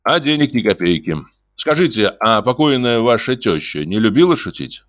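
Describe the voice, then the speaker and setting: A man's voice: mid-range voice, big pitch swings, moderate pace, fairly bright tone, no echo, pitched above the performer's own voice. A man voicing a cool, stern conman who speaks in curt, commanding phrases with dry irony, in an audiobook. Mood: ironic. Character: cool, stern smooth-talking male conman. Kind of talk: audiobook character voice.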